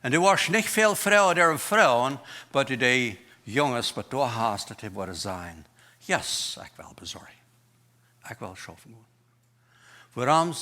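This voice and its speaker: Bright-voiced preacher with a Low German accent. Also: male voice. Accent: Mennonite Low German. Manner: switches between Low German, German and English words, emphatic. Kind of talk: sermon. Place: church.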